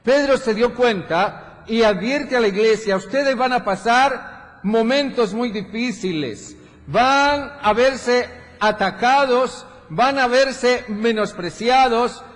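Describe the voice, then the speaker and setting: A man with a Colombian accent preaching a sermon as pastor, measured and full of rhetorical questions. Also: very high-pitched, a bit bright. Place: large church hall. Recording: church hall reverb.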